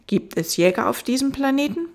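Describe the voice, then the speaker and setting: A woman voicing a gentle, wise fox in an audiobook, earnest and patient as it explains. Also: high voice, lively intonation, fairly quick, pitched above the performer's own voice.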